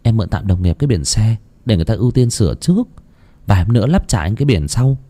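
A man's voice: lowish voice, sing-song, fast talker, mellow. A man voicing a worried, caring young woman colleague in a spoken ghost story. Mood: teasing.

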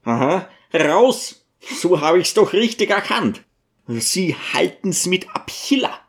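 A flustered, timid schoolteacher, as a man puts him on, stammers and stumbles over his words. The voice sits high above the reader's own and swings about nervously, pitched up in alarm. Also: very animated, slow, exaggerated voice. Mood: agitated. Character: agitated timid male schoolteacher.

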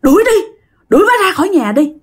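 A woman's voice: big pitch swings, a little slow, heavily acted. A woman shrieking as a possessed, raging husband. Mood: furious. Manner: shrill yelling. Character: possessed husband, screaming and hostile.

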